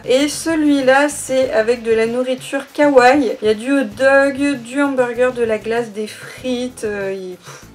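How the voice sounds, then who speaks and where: A woman's voice: fairly high pitch, unhurried. A woman hosting a casual unboxing vlog, chatty and enthusiastic, with frequent small fillers as she describes what she finds. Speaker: vlogger unboxing collectibles.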